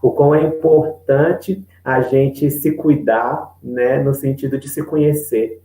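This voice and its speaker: Mellow Brazilian male moderator, echoey room. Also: mid-range voice, steady tone. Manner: measured and reflective, frequent tag questions. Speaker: panel moderator. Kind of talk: reflective panel discussion.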